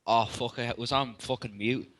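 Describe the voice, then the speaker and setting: A man's voice: medium pitch, steady tone, normal speed, fairly bright tone, a little hiss or hum. A man with a Dublin Irish accent calling a talk show, ranting angrily and swearing constantly. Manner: angry, profane ranting. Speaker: caller. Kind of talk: call-in rant.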